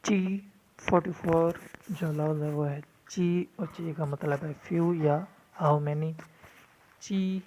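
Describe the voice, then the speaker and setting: A man's voice: fairly high pitch, steady tone, a little mellow. A man teaching vocabulary, repeating each new word several times in a firm drill and mixing English glosses into his explanations. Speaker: language teacher. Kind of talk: vocabulary lesson. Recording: dull lo-fi recording.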